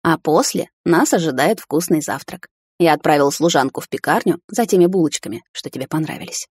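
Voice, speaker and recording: A woman voicing a gentle, devoted male hunter husband who speaks softly and coaxingly in an audiobook. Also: low-pitched, expressive, brisk, slightly rough, no echo, studio quality. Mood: tender, hushed. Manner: soft, hushed and coaxing.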